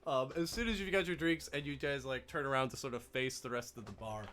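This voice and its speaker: A man's voice: mid-range voice, fast, fairly bright tone, a little hiss or hum. A man narrating a tabletop game as game master in a loose, filler-heavy way.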